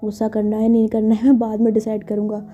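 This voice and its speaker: A woman voicing an affectionate, easygoing middle-aged father in a told story, speaking fondly and with gentle teasing. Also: mid-range voice, completely flat delivery, quick pace, highs cut off, soft background music, lightly acted. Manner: fond and teasing.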